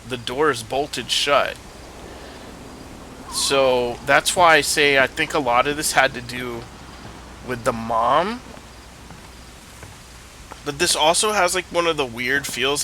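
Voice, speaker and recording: A man with a blocked nose plays a video game on stream, rambling through casual commentary as he thinks aloud. He speaks at medium pitch in a bright, forceful tone; the recording is rough, with a little hiss or hum.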